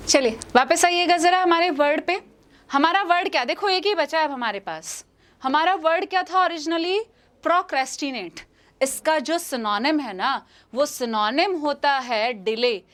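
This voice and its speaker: In a high-pitched, animated, somewhat bright voice, a young Indian-accented woman teaches English exam prep live without rushing. She repeats every question and answer, affectionately calling her students "beta."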